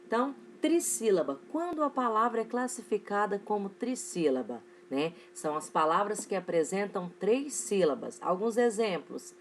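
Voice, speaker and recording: A young woman from Brazil teaching a recorded online class for children, with a Brazilian Portuguese accent, stretching out words slowly as she dictates examples. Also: mid-range voice, lively intonation, a little hiss or hum. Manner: slow, stretched-out word dictation in a rising voice.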